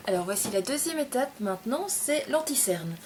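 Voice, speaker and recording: A young woman walks through her makeup routine in a gentle, explanatory way, pausing between short phrases. Her voice sits a little high. A faint hiss runs under the recording. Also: expressive. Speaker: makeup tutorial presenter. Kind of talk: casual step-by-step makeup tutorial.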